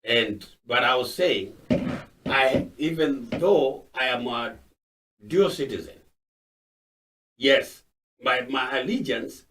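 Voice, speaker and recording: A man's voice: mid-range voice, expressive, slow, pauses often, a bit bright. A man from Kenya, a guest on a panel discussion, who talks emphatically and repeats his points. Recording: voice from far off the mic.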